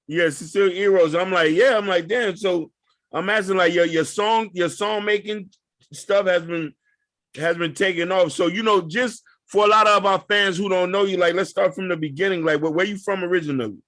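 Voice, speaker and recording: A middle-aged man hosts a casual interview, easing into his questions with loose, slangy talk. His voice sits a little on the high side for a man and sounds dry and close to the mic. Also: no echo. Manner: relaxed, drawn-out slangy delivery. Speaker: radio show host.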